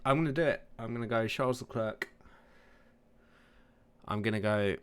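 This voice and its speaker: A man's voice: on the low side, moderate pace, a bit bright, clear, resonant tone. A man hosting a casual racing podcast, laid-back and teasing, laughing often. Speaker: podcast host.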